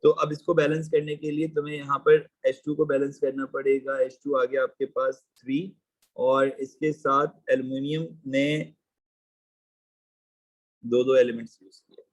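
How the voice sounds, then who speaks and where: During a live online chemistry class, a male teacher reads exam questions slowly, then explains them in quick, chatty Hindi and English, often addressing students as "bhai". His mid-range voice has a flat delivery, and the audio quality is poor.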